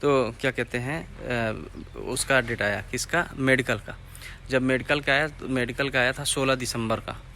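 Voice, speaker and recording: A man's voice: mid-range voice, unhurried, pushed and bright, a little hiss or hum. A young man with an eastern Uttar Pradesh Hindi accent, telling a personal story to his viewers in a casual, rambling way, repeating phrases and asking them to comment.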